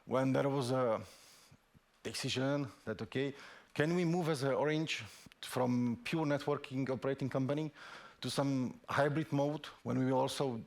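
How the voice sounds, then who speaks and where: On a conference stage, a Slovak man gives a technical talk in English at a mid-range male pitch with fairly even intonation. He proceeds haltingly, restarting often, repeating words and filling pauses.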